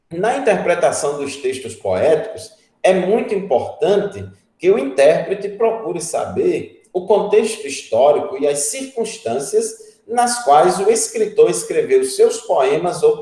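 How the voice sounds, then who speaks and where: A man's voice: high voice, big pitch swings, measured pace, dark tone. A Brazilian man with a northeastern accent teaching a theology class, explaining patiently and often checking with his students. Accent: Brazilian Portuguese, northeastern. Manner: explanatory, frequent "né?" checks, addresses students as brothers. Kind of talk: classroom lecture. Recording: echoey room.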